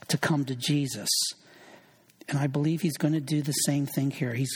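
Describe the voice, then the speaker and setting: A man's voice: on the high side, darkish tone, slightly rough, in a large hall. A man preaching an earnest sermon as pastor, reading scripture aloud and quoting its figures in his own voice.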